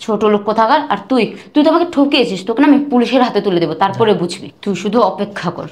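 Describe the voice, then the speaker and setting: A high-voiced, arrogant rich bride, played by a young woman in a short drama, rattling off sneering insults at speed. The room is echoey. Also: lively intonation, very fast, a little mellow, natural voice. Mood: contemptuous.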